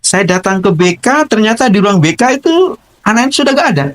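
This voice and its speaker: A middle-aged man, a teacher, telling a personal story on a podcast in an animated way, acting out dialogue. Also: sits high, a little fast.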